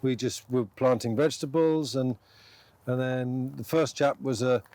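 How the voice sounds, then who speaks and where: A man's voice: mid-range voice, unhurried, dry recording. A man who runs a small farm, chatting casually and hesitantly in an interview, often wandering off on tangents. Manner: relaxed, rambling, hesitant. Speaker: small-scale farmer.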